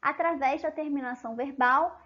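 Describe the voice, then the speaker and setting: A woman's voice: sits high, normal speed, fairly bright tone, highs cut off. A Brazilian woman giving an online language lesson in a chatty manner, often checking in with her students. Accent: Brazilian Portuguese. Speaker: language teacher.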